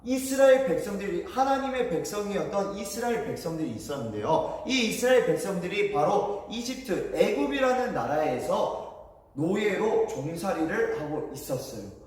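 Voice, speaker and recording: Man, children's sermon, high voice, storytelling, distant, big echoey hall. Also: moderate pace. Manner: storytelling to children with lively quoted pleas. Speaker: children's ministry preacher. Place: church hall.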